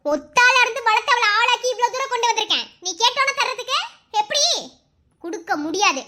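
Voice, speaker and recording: A woman doing a pleading young mother, very high. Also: animated, quick pace, sharp tone, slight background noise, full character voice. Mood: defiant. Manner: pleading, tearful. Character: desperate single mother, pleading. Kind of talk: fan cartoon voice acting.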